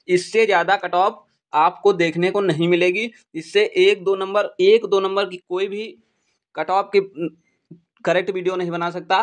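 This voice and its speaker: With a high-pitched, slightly bright voice, this man runs an exam-prep YouTube channel and teaches students in a casual explainer style, going over key points again to drive them home.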